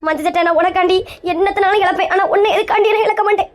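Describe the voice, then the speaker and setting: A woman's voice: very high voice, steady tone, rapid-fire. A woman with an acting a distraught, scolding wife in a comedy skit, wailing melodramatically.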